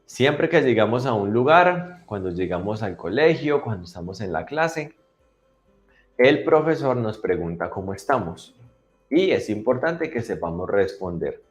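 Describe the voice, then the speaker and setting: Guy teaching english to kids online, slow, pitch all over the place, music soft behind. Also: very animated. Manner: teacherly, asks for agreement after each point; drills pronunciation slowly and clearly. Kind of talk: bilingual online class for children.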